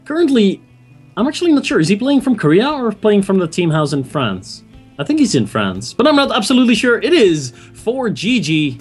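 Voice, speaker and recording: This man's voice sits high and sounds brisk and slightly rough, with soft music playing behind him. He's an esports caster doing play-by-play, introducing the players and thinking aloud about strategy with easy enthusiasm. He gets excited and laughs often.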